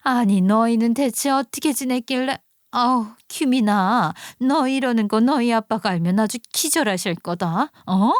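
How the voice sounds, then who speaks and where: A woman's voice: a little high, unhurried, no room sound, studio quality, close to an everyday voice. Haughty scolding older mother-in-law, voiced by a woman. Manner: nagging, condescending, exclamatory scolding. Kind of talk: audio story drama reading.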